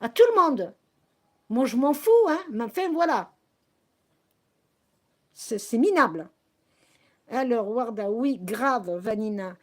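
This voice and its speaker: A woman's voice: fairly high pitch, expressive, takes it slowly, pauses often. A woman ranting to her viewers on a live stream, angry and accusing, often stumbling and restarting her sentences.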